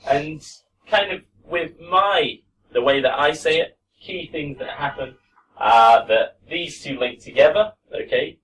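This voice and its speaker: A man teaching a pronunciation class, relaxed and full of fillers, slowing down to demonstrate words. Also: mid-range voice. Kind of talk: classroom lesson. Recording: distant mic with faint room noise.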